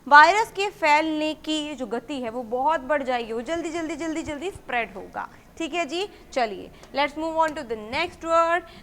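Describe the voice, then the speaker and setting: A woman teaching English vocabulary to exam students. She explains each word step by step, asks questions and answers them herself, and reads English example sentences slowly and clearly. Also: sits high, lively intonation, fairly bright tone.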